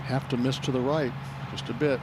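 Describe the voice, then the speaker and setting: A man's voice: mid-range voice, fairly even intonation, moderate pace. A man working as a golf commentator and analyst, explaining strategy and shots in short, advisory remarks. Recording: clear outdoor ambient noise behind voice.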